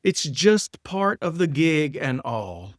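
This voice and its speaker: A man's voice: on the high side, sing-song, slow pace, no room sound, clean studio sound. A man voicing Jesus as a laid-back, friendly small-town buddy. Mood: easygoing. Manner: casual, easygoing.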